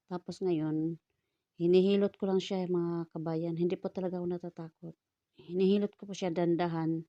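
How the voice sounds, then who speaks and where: Low-voiced Filipino woman vlogger, flat and mellow. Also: lo-fi sound. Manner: polite, rambling, many fillers and restarts. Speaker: vlogger and folk massage healer. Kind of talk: casual testimonial vlog.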